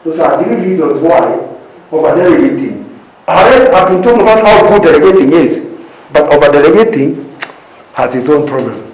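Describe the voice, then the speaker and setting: High-voiced man teaching in an echoey room. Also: animated, fairly quick, a little mellow. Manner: emphatic, repeats key points, checks in with the group. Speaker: leadership teacher leading a group session. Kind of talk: interactive teaching session. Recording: echoey room, distant from the mic.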